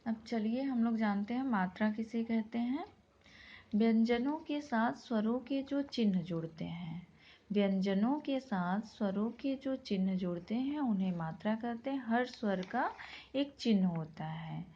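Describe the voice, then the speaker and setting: Teacher, female, slow and deliberate, repeats definitions, dull lo-fi recording. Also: a little high, warm tone. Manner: slow, repeats each definition, sounds out example words. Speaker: school Hindi teacher. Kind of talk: classroom grammar lesson. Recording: dull lo-fi sound.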